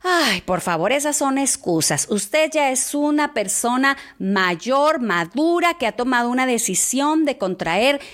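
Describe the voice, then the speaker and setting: A woman teacher giving an animated talk on couples' communication. She has a loud, strong voice and speaks straight to her audience. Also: sits high, a little slow, hardly any pauses.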